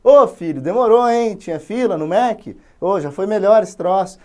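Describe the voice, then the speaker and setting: A man's voice: sits high, moderate pace, voice pushed up, close to an everyday voice. A man with a Brazilian accent voicing a grumpy, scolding old blind father in a retold story. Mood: grumbling. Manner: exasperated, loud, scolding.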